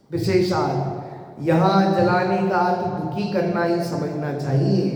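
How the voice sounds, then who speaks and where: A man's voice: sits high, darkish tone. A man preaching a sermon, telling a moral story and asking the listeners rhetorical questions. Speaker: Jain preacher. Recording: echoey hall.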